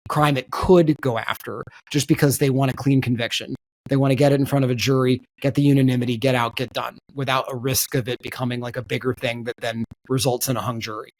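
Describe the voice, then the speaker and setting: A man hosting a political podcast talks fast in a mid-range voice with fairly even intonation. His style is emphatic and conversational, and he repeats words as he restarts sentences.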